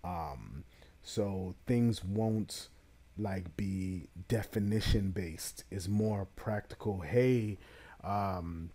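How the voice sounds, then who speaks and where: Man, low voice, mellow tone, casual talk to camera, relaxed, lots of ums. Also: drawn-out words, slightly rough. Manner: relaxed, chatty, many fillers. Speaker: vlogger reviewing a certification exam.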